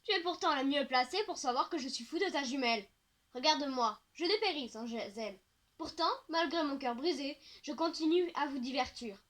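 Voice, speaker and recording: A woman's voice: high-pitched, lively intonation, normal speed, a bit bright. A woman voicing a playful, mock-dramatic lovesick teenage boy in an audiobook. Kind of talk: audiobook character voice.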